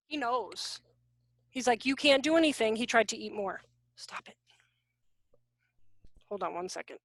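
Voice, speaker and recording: A woman giving a casual, animated teaching workshop over a video call from home, with quick asides. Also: medium pitch, no echo. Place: room at home.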